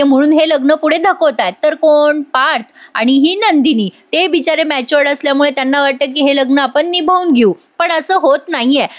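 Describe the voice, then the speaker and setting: A woman giving a chatty, sympathetic voice-over recap of a TV serial episode. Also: high voice. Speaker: TV serial reviewer.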